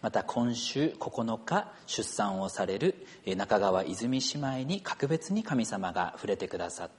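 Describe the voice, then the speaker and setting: Man, pastor, middle-aged, sermon voice, swooping pitch. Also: a little slow. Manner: gentle formal prayer, then lively storytelling sermon. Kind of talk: church prayer and sermon.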